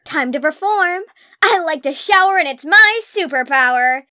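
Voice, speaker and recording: A woman voicing a cheerful kid who loves singing in the shower, in a playful, sing-song way, for an animated game skit. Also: sits high, normal speed, dry recording, clean studio sound.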